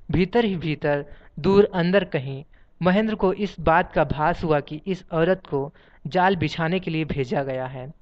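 A narrator giving a steady, measured literary story reading and reading page numbers aloud. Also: medium pitch. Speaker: audiobook narrator. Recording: dull lo-fi recording.

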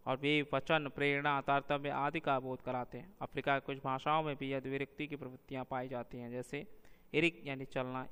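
A man reading a linguistics lesson aloud, listing examples one after another in a measured way. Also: on the high side, fairly bright tone, smooth, long reverb tail. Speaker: lecturer.

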